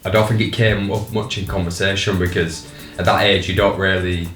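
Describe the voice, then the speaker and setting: A man's voice: deep voice, steady tone, a little fast, fairly bright tone. A man talking about an old friend in a thoughtful, hesitant way, with many "like"s, in a documentary interview. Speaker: childhood friend. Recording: roomy sound with background music.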